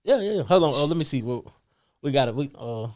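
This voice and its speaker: A man hosting a podcast, casually interviewing a guest in relaxed, slangy speech. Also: mid-range voice, fast talker, no echo, studio quality. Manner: laid-back, slangy American speech. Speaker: podcast host.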